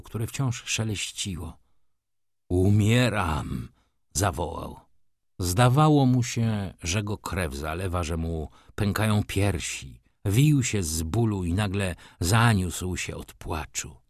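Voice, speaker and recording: A man with a fairly low voice reads a classic novel aloud, measured and dramatic. He moves between hushed passages and intense ones. The sound is dry and close. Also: expressive, no echo. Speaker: audiobook narrator. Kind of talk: dramatic literary reading.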